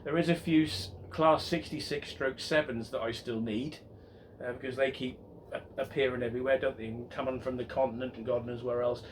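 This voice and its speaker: A man chats in a rambling, self-interrupting way about his model railway layout, a casual show-and-tell vlog filmed indoors on a tripod camera. His mid-range voice is steady and a bit fast, with slight background noise.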